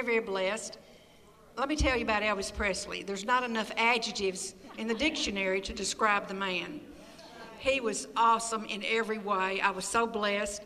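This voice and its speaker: A woman's voice: medium pitch, pushed and bright. An older woman telling chatty, folksy stories as an interview guest, laughing as she goes. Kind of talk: anecdotal storytelling. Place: community building hall. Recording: echoey hall, from far off.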